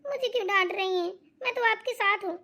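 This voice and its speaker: A scheming young daughter-in-law from a cartoon comedy plays sweet and worried, then gloats in sly asides, voiced by a woman. Her voice is very high and squeaky. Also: fairly quick, pushed and bright, exaggerated voice. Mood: whiny.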